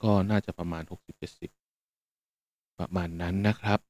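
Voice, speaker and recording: A man hosting a podcast, telling a personal story in a relaxed, meandering way with fillers. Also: deep voice, moderate pace, no room sound. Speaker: podcast host. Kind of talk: casual spoken storytelling.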